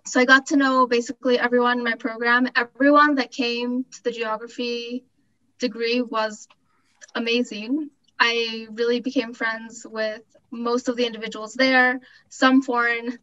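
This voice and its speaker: With a slightly high, bright, forceful voice, a twenty-something Costa Rican grad student offers an upbeat, casual testimonial during an online information session; the recording's highs are cut off.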